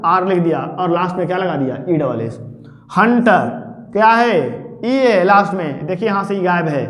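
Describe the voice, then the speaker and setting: Male teacher, high voice, quizzes himself aloud, long reverb. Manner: poses rhetorical questions and answers them himself; addresses listeners familiarly as "babu". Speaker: English grammar teacher. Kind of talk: explanatory classroom lecture. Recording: echoey room with long reverb.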